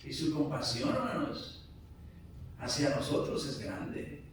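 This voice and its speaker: Recorded from a distance in a very echoey church sanctuary, a pastor with a mid-range voice preaches slowly, his pitch swinging widely. He builds to emphatic peaks, repeating "hermanos" ("brothers") again and again, over a slight hiss or hum.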